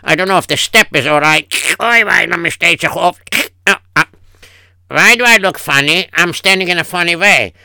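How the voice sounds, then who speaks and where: A man's voice: high-pitched, moderate pace, creaky, sharp tone, smooth, dry recording, exaggerated voice. A man playing a fretful Yiddish-accented husband. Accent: Yiddish-inflected English. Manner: kvetching, sighing oy vey. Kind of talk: improvised comic radio story.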